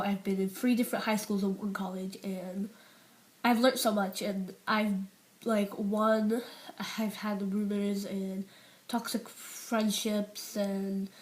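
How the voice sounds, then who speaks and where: Poor audio captures a mid-range voice belonging to a seventeen-year-old British vlogger confessing candidly, unscripted, to camera. She rambles through plenty of fillers and restarts, at times almost whispering on painful topics.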